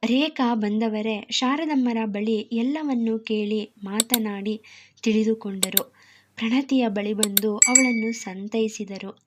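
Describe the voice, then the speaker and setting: A woman's voice: on the high side, a little hiss or hum. A woman narrating an emotional serialized family story in a heartfelt tone. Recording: muffled lo-fi with soft music.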